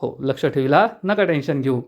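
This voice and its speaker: A man's voice: mid-range voice, animated, normal speed, lightly acted. A man reading the lines of a cheeky, joking young man in a retold story. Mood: joking, breezy. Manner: playful, reassuring.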